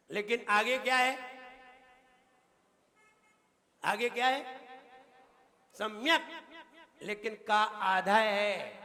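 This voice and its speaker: Jain monk giving a sermon, a very high, bright voice, slow and unhurried, quizzes the listeners and chants verses, long temple-hall reverb. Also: male voice. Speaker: Jain monk teaching scripture. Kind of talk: sermon teaching recitation.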